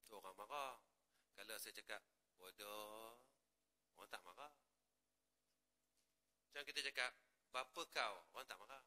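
A man with a Malaysian Malay accent preaching in a prayer hall, switching from quiet asides to loud rising exclamations. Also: mid-range voice. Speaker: religious teacher. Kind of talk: mosque sermon.

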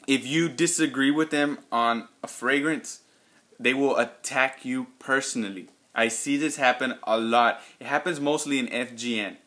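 A man's voice: medium pitch, fairly bright tone. A man from Texas with a Texan accent, talking casually in an unscripted fragrance vlog, rambling with many ums, uhs and restarts. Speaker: fragrance reviewer.

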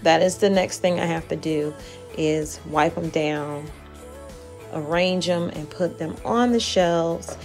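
Slow-talking woman giving a home tour. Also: deep voice, faint music behind. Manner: relaxed, chatty, walking with the camera. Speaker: home renovation vlogger. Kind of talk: casual home tour narration. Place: empty basement rooms of a house. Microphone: phone camera held while walking.

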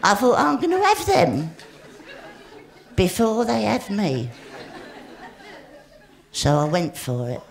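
A man with a squeaky voice performing a rambling stand-up comedy routine, punctuating his stories with "right?". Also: sing-song, slow, creaky, long pauses. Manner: rambling punchy storytelling with "right?" tags. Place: live comedy stage before an audience. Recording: live show with loud crowd laughter and music.

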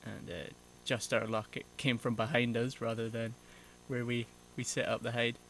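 Young male outdoor vlogger, relaxed and explanatory with dry humor, filmed on an action camera. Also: mid-range voice, normal speed, slight background noise, rough recording. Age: young adult. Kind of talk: casual outdoor vlog narration. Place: outdoors in a forest.

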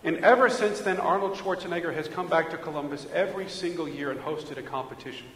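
A man's voice: a little high, quick pace, fairly bright tone. A male pastor preaching a sermon with rhythmic emphasis and rhetorical questions. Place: church sanctuary. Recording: echoey church from a distance.

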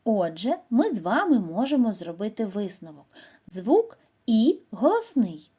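A woman narrates a lesson for young schoolchildren, talking slowly and clearly and pausing for questions. Her voice is mellow and a little husky, and her pitch moves a lot. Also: sing-song. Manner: slow, clear, instructive delivery with questions to children. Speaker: primary school teacher. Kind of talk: scripted lesson narration for first graders.

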